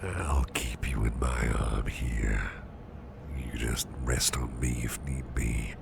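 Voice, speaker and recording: With a steady tone and slow pace, a man heavily acts the part of a protective, gentle boss comforting an exhausted employee in a soft ASMR roleplay of close personal attention. His very deep, gravelly half-whisper sounds soothing and reassuring as he fusses with hesitant, repeated phrases. The recording is close, with loud background noise.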